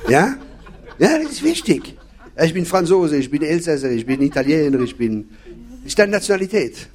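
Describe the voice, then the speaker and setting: This preacher's sermon drives home key phrases through emphatic repetition and questions aimed at the audience. He speaks at a moderate pace in a slightly high, very animated voice with a darkish tone.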